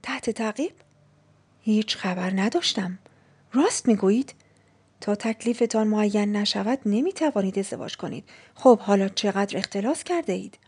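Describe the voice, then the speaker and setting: Lady reading a pushy old dad who wants the daughters gone, husky, coaxing. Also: high voice, darkish tone. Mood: startled. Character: sly father desperate to marry off daughters.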